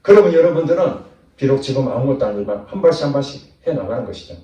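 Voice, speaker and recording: A man's voice: mid-range voice, expressive, very fast, warm tone. A man preaching a sermon as pastor, acting out short asides of imagined people. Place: church sanctuary. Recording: echoey church hall from far off.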